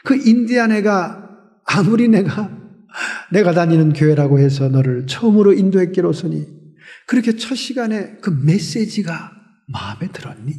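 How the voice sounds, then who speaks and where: A man's voice: sits high, expressive, normal speed, darkish tone, long reverb tail. A pastor putting on a puzzled churchgoing young man who questions his friend, told in a sermon. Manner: incredulous, questioning.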